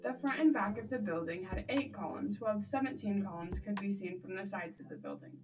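A woman's voice: mid-range voice, a little fast. A woman reading out facts in a school presentation. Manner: steady, reads out facts. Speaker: class presenter. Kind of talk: read-aloud school presentation. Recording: distant mic with music behind.

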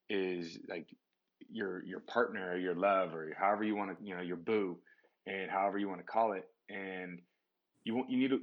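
A man with a very deep, low voice talks through his thoughts in a relaxed interview, stopping and restarting often and filling gaps with fillers. The sound is a bit dull and lo-fi. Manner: rambling, many restarts and fillers. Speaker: podcast guest. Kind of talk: casual interview chat.

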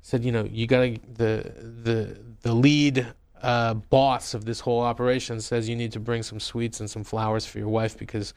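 Here a man who works as a journalist and author shares personal stories in an interview, wry and conversational, often using fillers and restarting sentences. His medium-pitched voice is clear, resonant and a little mellow, with little pitch movement, a moderate pace and hardly any pauses.

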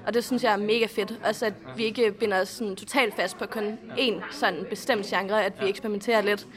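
A woman's voice: mid-range voice, steady tone. Enthusiastic Danish woman in a band. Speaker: band member. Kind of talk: casual interview answers.

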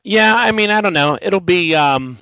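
A middle-aged man with a gravelly, bright voice, pitched a little high, chatting casually as a podcast co-host. He rambles with restarts, telling his stories animatedly. The sound is dry and dull. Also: animated, normal speed, no room sound. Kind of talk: casual chat.

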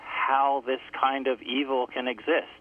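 A man speaking as a guest author in a phone-in radio interview, heard through a crackly phone line that fades in and out, telling his story slowly and reflectively. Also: medium pitch, flat delivery. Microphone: telephone. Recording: tinny telephone line.

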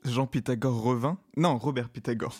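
Man, comic narration, deadpan, quiet music behind. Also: mid-range voice, moderate pace, husky. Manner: deadpan, absurd. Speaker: storyteller.

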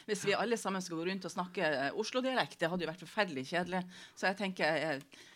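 A woman makes an earnest case in a panel debate, pausing on fillers. Her voice sits fairly low. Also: fairly bright tone. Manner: earnest, hesitant, many fillers. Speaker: local politician.

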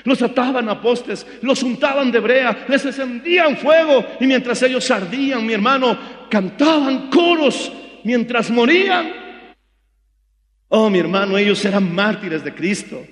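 A man with a Bolivian accent preaching a sermon as pastor, fervent and rising to shouts. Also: extremely high pitch, lively intonation, a little slow, long reverb tail. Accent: Bolivian Spanish.

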